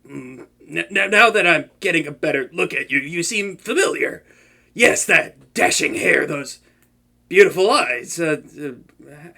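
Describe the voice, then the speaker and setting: A young man voices a boastful yet soft-hearted male supervillain in a comedic audio roleplay, going theatrical and stammering whenever he gets flustered. His voice is slightly high and gravelly, and the performance is heavily acted.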